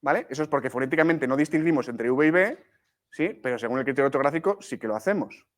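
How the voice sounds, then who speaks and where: Leading a live writing workshop, a male teacher with a medium-pitched, expressive voice talks fast and explains things step by step. He restarts often and keeps checking in with the class using "¿sí?" and "¿vale?"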